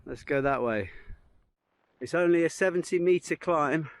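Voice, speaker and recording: Out on open moorland hills, a man vlogs a hike, chatting casually into a handheld camera as he walks. His voice is a little high and unhurried, with wind and ambient outdoor noise in the background.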